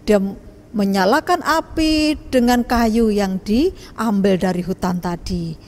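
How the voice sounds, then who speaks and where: A woman teaching children, telling a Bible story in an animated, expressive way. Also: medium pitch, slow pace, slight background noise. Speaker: Sunday school teacher.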